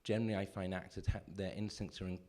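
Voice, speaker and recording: A man speaks on a festival film panel in a very low, mellow voice. He muses haltingly, restarting his sentences, and turns wry and self-deprecating. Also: flat delivery. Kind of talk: reflective panel talk. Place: cinema cafe panel.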